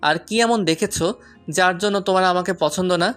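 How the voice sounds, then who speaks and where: A man's voice: sits high, normal speed, fairly bright tone, soft background music. A man voicing a rich young man, heartbroken and pleading with the woman he loves, in an audio love story. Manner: pleading, anguished.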